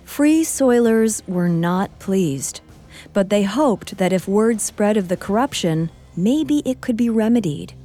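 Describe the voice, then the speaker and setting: A woman co-hosting a history podcast, reading a script in a measured way. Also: mid-range voice, lively intonation, dark tone. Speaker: podcast co-host. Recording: faint music bed.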